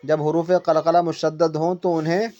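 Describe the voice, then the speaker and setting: A woman's voice: low voice, level tone, mellow. Patient woman teacher, lo-fi recording. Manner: patient, repetitive explaining with questions; stretches out syllables to demonstrate. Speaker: Quran reading teacher. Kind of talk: one-on-one tajweed lesson. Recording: dull lo-fi recording.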